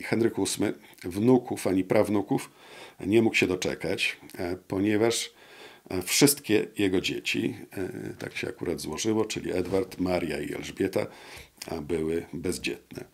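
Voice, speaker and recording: Gravelly low-voiced older man, hesitant. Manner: hesitant, many drawn-out "e" fillers. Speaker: interview guest. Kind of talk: measured historical explanation. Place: wood-panelled studio room with brick wall. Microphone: lapel mic.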